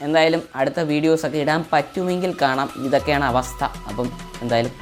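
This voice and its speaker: A man's voice: a little high, fast talker. A man narrating a tech tutorial in a casual, chatty, informal way. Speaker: tech vlogger. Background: background music.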